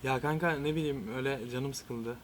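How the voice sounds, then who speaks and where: A man's voice: medium pitch, steady tone, fairly quick, slight background noise. A young man chatting casually with a friend over a video chat, in laid-back, slangy banter.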